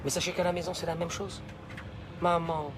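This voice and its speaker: A male rabbi preaching a sermon, emphatic and repetitive, swinging between loud declarations and hushed asides. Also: on the high side, level tone, moderate pace, background noise.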